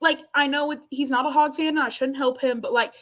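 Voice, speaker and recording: High, bright giggly woman. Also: brisk. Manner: giggly, blunt, excitable. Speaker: podcast co-host. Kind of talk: casual chat.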